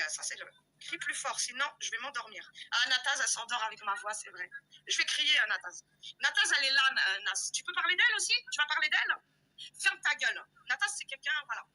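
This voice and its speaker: A woman hosting a live stream, ranting loudly and confrontationally, hurling insults and repeating herself for emphasis. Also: high-pitched, poor audio. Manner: loud-mouthed, insulting, confrontational; repetitive, emphatic, addresses viewers directly. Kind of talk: heated live-stream rant.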